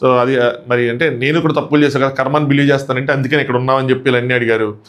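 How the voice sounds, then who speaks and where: A man's voice: medium pitch, steady tone, very fast, a bit bright. A man reviewing a reality show, animatedly acting out quoted exchanges as he recaps them.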